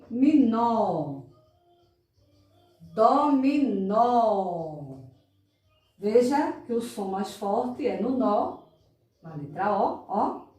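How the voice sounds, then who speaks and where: Her voice is mid-range and dark-toned, with lively intonation. She's a Brazilian woman teaching primary school children in a recorded lesson, drawing out her words emphatically and asking "tá?" again and again, captured by a distant mic in an echoey room.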